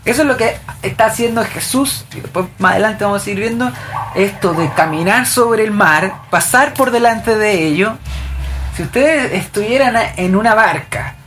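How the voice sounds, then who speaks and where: A woman with a medium-pitched, fairly bright voice leads a group Bible study at a moderate pace, explaining scripture, reading verses aloud, and asking the group questions. There is a little hiss or hum.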